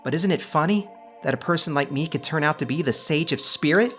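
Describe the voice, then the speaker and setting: A man's voice: fairly high pitch, a little fast, a bit bright, faint music behind, pitched above the performer's own voice, close to an everyday voice. A man voicing a proud, brash female warrior from a game. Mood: bold.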